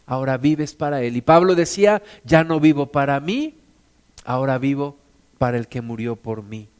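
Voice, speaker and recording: A man's voice: mid-range voice, moderate pace, clear, resonant tone. A man preaching a sermon to his congregation, calling them sisters and brothers and acting out the quotes he tells with a raised voice. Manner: acts out quotes with raised, shouting voice.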